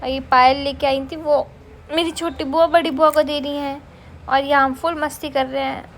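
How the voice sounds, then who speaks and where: A woman's voice: high voice, level tone, moderate pace, slight background noise. A young woman narrating her family vlog in a chatty voice-over, fondly describing her relatives and outings. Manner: warm, affectionate storytelling about family. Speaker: family vlogger.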